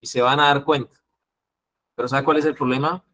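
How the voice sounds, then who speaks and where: A man with a Colombian accent teaching an interviewing class, acting out the calm phrases he wants students to use. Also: medium pitch, brisk. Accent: Colombian Spanish. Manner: lively, acts out calming phrases. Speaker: instructor.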